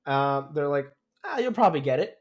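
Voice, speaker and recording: A man with a slightly high voice and a brisk pace co-hosts a podcast, swapping stories in casual slang. His retelling is animated, and he acts out what other people said by quoting them in dialogue.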